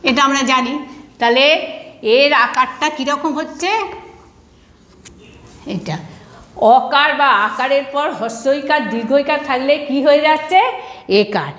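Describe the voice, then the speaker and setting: A woman's voice: sits high, unhurried, pauses often, fairly bright tone, echoey room. A woman teacher with a Bangladeshi Bengali accent gives an online grammar lesson, asking questions and answering them herself as she repeats each rule. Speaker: primary school teacher.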